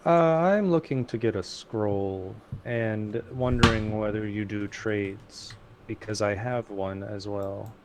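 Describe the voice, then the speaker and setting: Male tabletop player, fairly low pitch, tentative casual delivery, slight noise and clicking. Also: slow pace. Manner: tentative, hesitant phrasing. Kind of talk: casual in-game chat.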